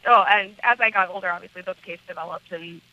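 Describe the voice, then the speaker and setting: An American woman with a smoky, raspy voice, talking casually and candidly as an interview guest, with hesitant phrasing. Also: lowish voice, fairly quick, pushed and bright, no echo, lo-fi sound. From small town in central Wisconsin, United States. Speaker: rock band lead singer, interview guest.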